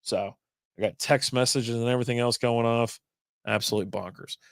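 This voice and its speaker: A man's voice: mid-range voice, steady tone, normal speed, vocal fry, dry recording, studio quality. A middle-aged man hosting a casual livestream chat, rambling along with slang and easy swearing. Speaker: livestream host.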